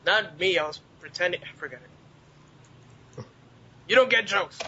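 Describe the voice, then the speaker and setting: A man co-hosting a casual podcast trades banter defensively and snarkily, swearing and stammering over his repeats. His voice sits high with a sharp tone at a moderate pace. The recording is a muffled, noisy internet call.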